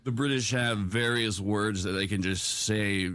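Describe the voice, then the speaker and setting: A man's voice: fairly low pitch, unhurried, fairly bright tone, clean tone, dry recording. A man co-hosting a podcast in loose, swearing casual chat, laughing often. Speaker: podcast co-host.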